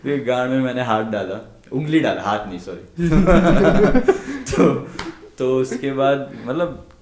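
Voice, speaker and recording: His mid-range voice is slow-paced and a little mellow, with lively intonation. He's a medical intern in his twenties guesting on a podcast, laughing often as he spins casual stories and voices the people in them. The room sounds echoey.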